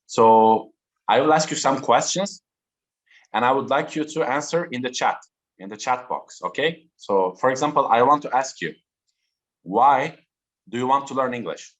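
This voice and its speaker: A man in his thirties from Turkey, a native Turkish speaker giving an online talk to students slowly and deliberately over a video call. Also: medium pitch, lively intonation. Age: 30s. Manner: slow, deliberate and interactive.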